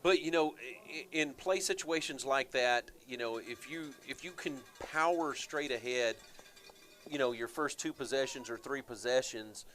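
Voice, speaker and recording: Relaxed chatty man calling football. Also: mid-range voice, normal speed, faint music behind. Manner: chatty, relaxed, with frequent fillers. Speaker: play-by-play announcer. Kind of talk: high school football radio commentary.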